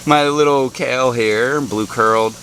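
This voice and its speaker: A man's voice: mid-range voice, slow pace, a bit bright, rough recording. A man giving a casual, unscripted walk-around as a gardening vlogger, offhand and self-deprecating. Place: small greenhouse garden beside running water. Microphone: handheld camera mic. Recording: handheld camera, clear water and pump noise.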